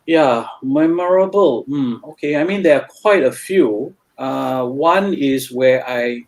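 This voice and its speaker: A man's voice: medium pitch, slow. Singaporean man, hesitant tutor talk. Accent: Singaporean English. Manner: hesitant, many fillers and restarts. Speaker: guest tutor. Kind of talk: casual interview chat.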